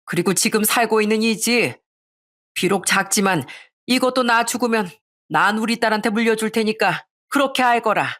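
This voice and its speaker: A woman's voice: on the high side, moderate pace, fairly bright tone. A woman reading an angry older mother who scolds her greedy son and daughter-in-law in a raised, indignant voice. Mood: stern.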